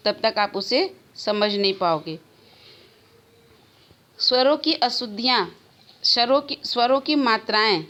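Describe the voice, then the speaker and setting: Woman, school teacher, recorded online lesson, unhurried, repeats answers for children, fairly high voice. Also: a bit bright.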